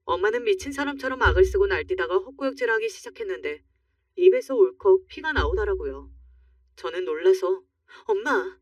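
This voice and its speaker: A woman narrating a true-life story in the first person, calm and confiding, in storytelling style. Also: on the low side, no room sound. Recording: dry, muffled, slightly distant.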